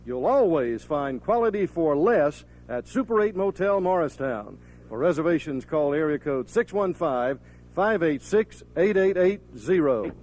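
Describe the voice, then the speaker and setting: A man working as a wrestling TV announcer, reading a sponsor spot and introducing guests in a smooth, steady way. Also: on the high side, a little slow. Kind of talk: announcer read and interview.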